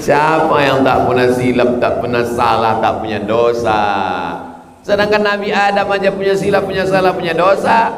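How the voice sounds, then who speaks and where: A man giving an Islamic sermon, animated and joking, chanting verses between plain talk. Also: on the high side, moderate pace. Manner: animated, chants Arabic verses, jokes with the crowd. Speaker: Islamic preacher. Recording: echoey hall with long reverb.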